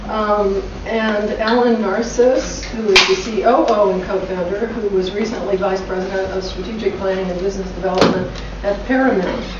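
A middle-aged woman, a school director, introduces forum guests with chatty asides, talking at a moderate pace with hardly any pauses. Her mid-range voice has fairly even intonation. Recorded by a room camera mic from far across a conference room, the audio is echoey, noisy and dull lo-fi.

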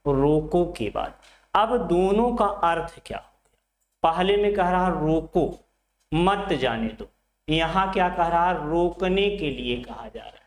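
His voice sits high and is expressive, with a measured pace, as this middle-aged man gives a board lecture in Hindi for exam students. He lovingly calls them his children, repeats phrases, and asks questions he then answers, all recorded in an echoey room.

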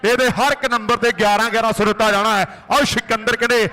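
High forceful man, frantic rural kabaddi commentary, Punjabi. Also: steady tone, fast talker. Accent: Punjabi from Indian Punjab's Malwa region. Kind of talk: live rural sports commentary.

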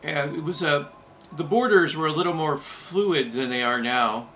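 Man, middle-aged, reaction video host, casual commentary, careful pauses, tense bright tone, slightly raised pitch. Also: slight background noise. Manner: careful enunciation with small pauses.

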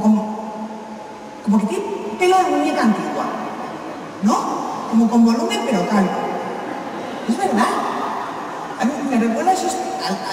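A woman performing a chatty stand-up comedy monologue, teasing the audience and talking straight to them. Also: a little high. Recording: echoey hall from far off, noisy ambience.

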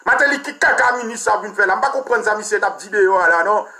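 Haitian guy ranting about politics, high voice, real sharp and bright, crude and mocking. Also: quick pace. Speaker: political commentator. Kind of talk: heated political rant.

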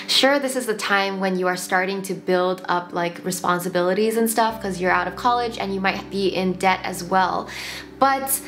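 A woman in her late twenties hosting a casual vlog, reflecting with gentle advice and lots of "like" fillers, filmed sitting on the floor at home. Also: mid-range voice, moderate pace. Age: 20s. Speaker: lifestyle channel host. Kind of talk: casual talking-head vlog. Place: home room, seated on the floor.

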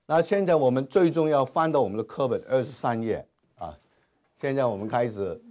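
In a classroom with a whiteboard, a man with a mid-range, darkish voice lectures on Hebrew grammar, dropping in English terms and many "ah" and "ha" fillers.

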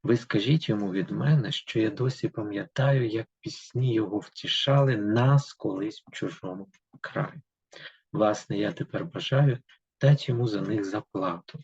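A man's voice: lowish voice, normal speed, vocal fry, a little mellow, husky, no room sound. A man teaching a literature lesson who reads a poem aloud with emphasis and then explains it to pupils with many fillers. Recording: dull, lo-fi dry recording.

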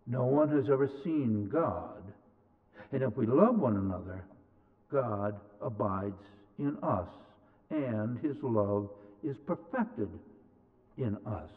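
A pulpit mic and a far-off camera catch a middle-aged man giving a slow, deliberate scripture reading in an animated, mid-range voice. His tone comes across tinny and narrow, as if over a phone, while each phrase echoes at length through the church.

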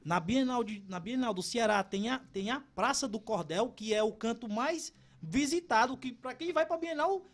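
A man's voice: very high voice, normal speed. A man in his thirties, a cordel poet and podcast guest, talking casually in an interview with many restarts. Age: 30s. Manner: animated, stumbling restarts.

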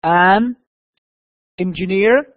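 A man teaching an online English class, drawing out the English words slowly and rattling off quick explanations. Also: high-pitched, no room sound. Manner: switches between slow drawn-out English and quick Arabic explanations. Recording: dry, phone-like narrow sound.

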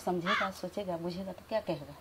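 A woman's voice: on the low side, brisk. Middle-aged woman, exasperated scolding mother, noisy recording. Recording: loud background noise.

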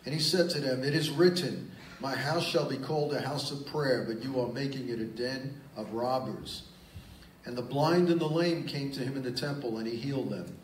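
A man's voice: medium pitch, moderate pace, a little hiss or hum. A man preaching a sermon as pastor, reading scripture aloud and then explaining it in plain, emphatic asides. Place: church sanctuary. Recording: roomy church sound, distant mic, faint ambience.

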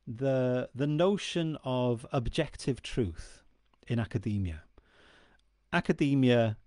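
In a dark indoor room, a Welsh-speaking man in his forties explains Celtic myth to camera, earnest and often checking in with the listener. His mid-range voice is mellow. A studio mic on a stand sits close in front, giving clean studio sound with no room sound.

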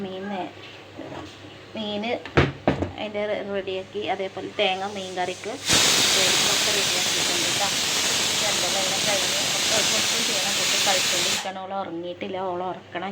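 A woman's voice: medium pitch, little pitch movement, normal speed. Chatty woman cooking in a noisy kitchen. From Malappuram, Kerala. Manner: chatty, keeps adding friendly tag questions to viewers. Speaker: home cooking vlogger and mother. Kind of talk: casual cooking vlog narration. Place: home kitchen while cooking. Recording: loud clattering pots, dishes and stirring.

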